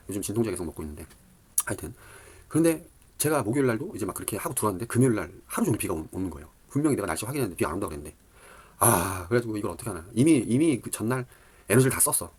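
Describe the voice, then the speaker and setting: A middle-aged man who lectures on dating, telling a rambling story in a casual monologue, full of fillers and animated asides. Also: low-pitched, husky.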